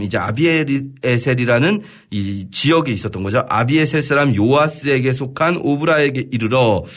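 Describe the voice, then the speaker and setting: A man teaching a Bible study on the radio, reading verses and explaining them in a conversational way, often pausing to search for words. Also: a little high. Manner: reads scripture aloud, then paraphrases it conversationally.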